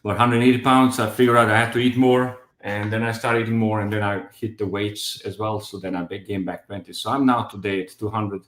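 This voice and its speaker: A man's voice: on the low side, little pitch movement, a little fast, hardly any pauses, a bit bright, roomy sound. Man in his fifties, hesitant. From Croatia. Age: 50s. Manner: hesitant, many fillers and restarts. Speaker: guest sharing his diet story. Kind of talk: casual testimonial.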